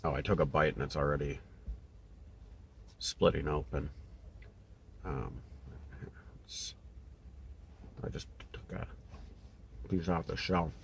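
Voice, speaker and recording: He talks slowly, pausing often in a rumbling low, creaky voice, while reviewing snacks from inside a parked car. The Upper Midwest man in his thirties sounds slightly congested and relaxed, filling gaps with "um" and eating as he chats. His phone, mounted on the dash, picks up steady background noise in the small cabin.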